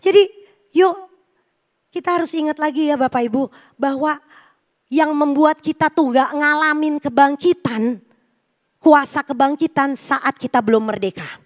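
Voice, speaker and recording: A middle-aged woman delivers a church sermon in a high, light voice. She tells her stories in a lively, playful way, with jokes for the congregation. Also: unhurried, long pauses. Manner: lively, joking storytelling with the congregation. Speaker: preacher. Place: church service.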